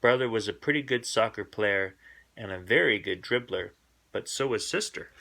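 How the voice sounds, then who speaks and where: Bright-voiced man reading a bedtime story. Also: fairly low pitch, moderate pace, creaky. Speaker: children's bedtime story reader. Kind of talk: expressive read-aloud storybook narration.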